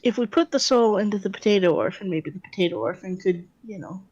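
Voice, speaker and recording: A woman's voice: mid-range voice, expressive, quick pace, darkish tone, breathy edge, no echo, muffled recording. Woman, tabletop gamer, casual chat, sardonic, very dry close sound. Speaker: player in a tabletop role-playing game.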